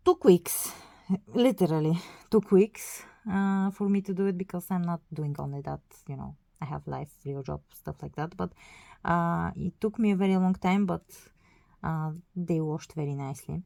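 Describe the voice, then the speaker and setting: Explaining her doll-collecting process in a relaxed tutorial, a non-native English-speaking woman stumbles through fillers and corrects herself often. Her low voice is creaky and dark, with no room sound in the recording.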